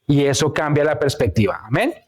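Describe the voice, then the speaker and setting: Conversational preacher, man, a bit high. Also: animated, fairly quick, husky. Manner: conversational, tells anecdotes, checks in with "¿sí?". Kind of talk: sermon with personal stories. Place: church.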